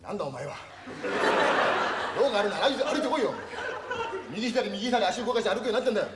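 Man acting as a rough middle-aged tv boss, berating, quick-talking, echoey far-off stage recording with noise. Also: high-pitched, expressive. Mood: scolding. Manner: berating, rough, drops insults constantly. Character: gruff middle-aged male TV production boss, bullying. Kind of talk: stage comedy monologue.

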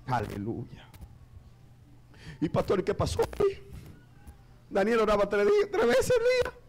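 High-voiced pastor preaching slowly. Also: male voice, huge pitch swings, vocal fry. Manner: swings between loud shouted peaks and quiet low asides. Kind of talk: sermon. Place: church.

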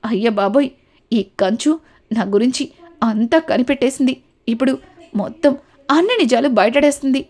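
A woman's voice: a little high, normal speed, pauses often, a little mellow, voice pushed down, natural voice. A woman voicing a scheming young daughter-in-law who fakes tears and panics when caught, as in a recapped TV serial. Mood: whiny, panicked. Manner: feigned tearful complaining.

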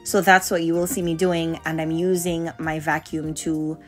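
A woman's voice: deep voice, flat delivery, moderate pace, faint music behind. A woman in her late twenties from Jamaica, narrating a home cleaning vlog in a candid, conversational voice-over. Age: late 20s. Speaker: vlogger.

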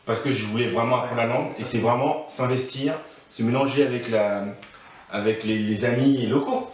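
In an echoey living room, a camera mic placed far off records a man in his thirties on the couch. He has a medium-pitched voice at a moderate pace and, as an interview guest, offers casual advice thoughtfully, with frequent restarts and fillers.

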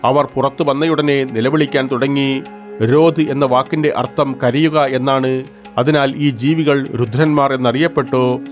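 Guy narrating old myth stories, steady even read, middle pitch, soft music behind. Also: measured pace. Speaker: storyteller. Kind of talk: scripted narration of scripture stories.

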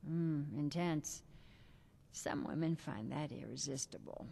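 An actress voicing a flirtatious lounge singer in a video game, with a low husky purr and breathy, teasing delivery. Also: female voice, slow pace, warm tone, exaggerated voice. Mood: confiding. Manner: flirtatious and teasing, drops to breathy near-whispers. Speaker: bar singer character.

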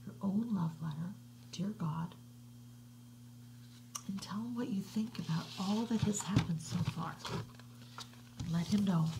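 Slow, gravelly woman reading a story. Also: mid-range voice, a little hiss or hum, low-quality recording. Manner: slow, hushed storybook reading with soft whispery passages. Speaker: children's religious educator. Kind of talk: reading a picture book aloud to children. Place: living room at home, indoors. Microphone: webcam at desk distance.

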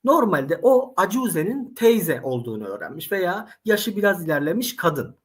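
Lively, animated Turkish-speaking man teaching. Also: high voice, moderate pace. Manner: animated storyteller, addresses audience directly. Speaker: Arabic teacher. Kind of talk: casual interview conversation.

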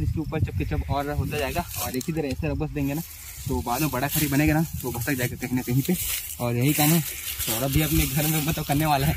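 Young man, chatty vlogger, phone mic at arm's length, outdoor fields, faint background hiss. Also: fairly high pitch. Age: young adult. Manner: chatty, addresses viewers as friends and brothers. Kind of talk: casual vlog. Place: outdoors, rural fields and village lanes.

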